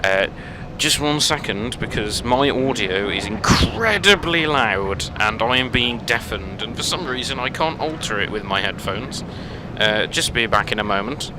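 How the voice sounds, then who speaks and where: A man hosting a casual let's play, talking in a rambling, halting way full of fillers and self-corrections, recorded at home on a headset. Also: medium pitch, animated. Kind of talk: casual gameplay commentary. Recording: noticeable background noise.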